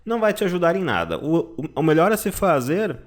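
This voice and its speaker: A man's voice: on the high side, big pitch swings, a little fast. A man teaching a German lesson online, explaining patiently and checking in with "tá?" and "né?".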